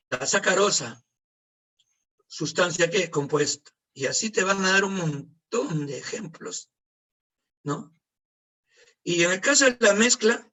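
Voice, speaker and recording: A man teaching a chemistry class over a video call, lively, asking questions and answering them himself. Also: high-pitched, breathy edge, distant mic, rough recording. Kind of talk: online class lecture. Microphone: computer mic on a video call.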